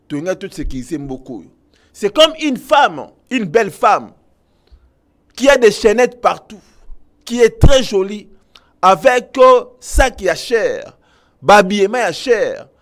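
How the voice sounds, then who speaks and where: A Congolese online news commentator with a Congolese French accent delivers impassioned political commentary to his viewers. He speaks emphatically, switching between French and Lingala and swinging from loud outbursts to low intensity.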